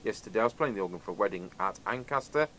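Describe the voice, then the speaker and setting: A man with a lowish, somewhat bright voice talks in an animated, racing way. He's a video host and radio technician showing off radio gear in an unscripted video, chatting casually and rambling as he goes. Background noise is clearly audible.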